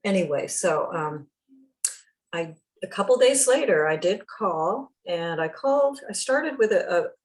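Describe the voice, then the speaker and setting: A woman's voice: lowish voice, lively intonation, a little slow, rough recording. A woman casually telling a rambling personal story to a study group over a video call, chatty and often laughing.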